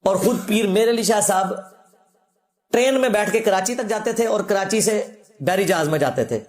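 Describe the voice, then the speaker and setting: High-voiced mocking scholar. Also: male voice, darkish tone, echoey room. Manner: mocking, sarcastic, debunking. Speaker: religious scholar. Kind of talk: reaction lecture.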